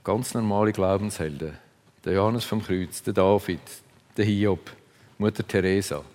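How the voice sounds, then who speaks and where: A man's voice: on the low side, normal speed, a little mellow. A man preaching a sermon, earnest and reflective, speaking in short phrases. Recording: long reverb of a large hall.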